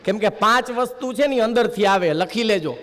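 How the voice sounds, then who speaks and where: High-voiced humorist. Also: male voice, animated, a little fast, fairly bright tone, in a large hall. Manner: folksy storytelling with punchlines. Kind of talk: stage comedy monologue.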